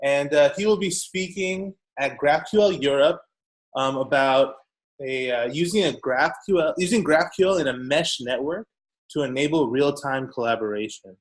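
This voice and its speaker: A man hosting a tech podcast introduces his guest and asks questions in a casual, upbeat way, dropping frequent uhs and ums. His voice is fairly high-pitched and unhurried.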